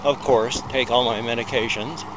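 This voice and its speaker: Strolling beside a busy road through a small town, a middle-aged American man vlogs into a small handheld recorder held near his mouth. Medium-pitched and steady in tone, he talks at a moderate pace, rambling and self-deprecating. Loud passing traffic and background music fill the recording.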